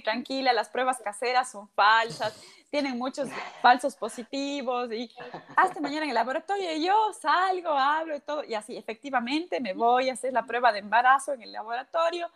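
A woman, a guest athlete telling a personal story in a casual chat and acting out the voices of the people in it. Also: high-pitched. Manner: animated, acts out quoted voices.

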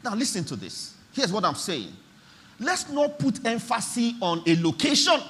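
A man's voice: extremely high pitch, very animated, normal speed, fairly bright tone, slight background noise. A man preaching a church sermon, driving his points home with emphatic repetition and calls for the congregation to respond. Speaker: pastor.

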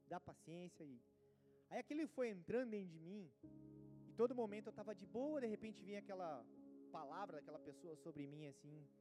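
A Brazilian pastor with a high-pitched voice delivers a lively sermon, jumping from loud emphatic bursts to soft confiding asides. He acts out the voices of the people he quotes. Faint music plays under his voice. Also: brisk. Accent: Brazilian Portuguese.

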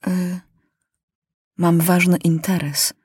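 A woman's voice: lowish voice, fairly even intonation, slow pace, husky, dry recording, studio quality, full character voice. A woman reading a storybook, voicing a timid, polite old male court doctor who talks hesitantly.

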